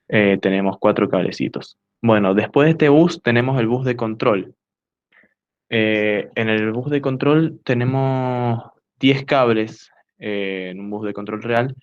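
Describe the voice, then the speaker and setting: A young man giving a hesitant student class presentation, filling pauses with "eh" while pointing things out on a diagram. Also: fairly low pitch. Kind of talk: class presentation explaining computer hardware. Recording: dull lo-fi recording.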